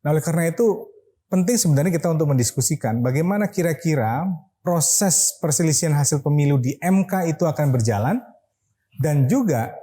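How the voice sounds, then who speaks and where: A man's voice: on the high side, dark tone. A man with an Indonesian accent hosting a discussion show in a chatty, explanatory, conversational way. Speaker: host of a legal discussion show. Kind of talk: casual, conversational show presenting.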